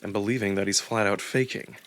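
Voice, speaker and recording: A man with a fairly low voice narrates a visual novel, reading it aloud in an expressive, deliberate first-person storytelling style.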